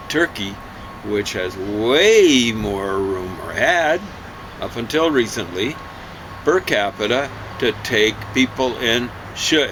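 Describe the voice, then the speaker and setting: A man giving a rambling opinion monologue on current events, emphatic and opinionated, with halting asides. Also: on the low side. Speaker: vlogger. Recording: steady ambient background noise.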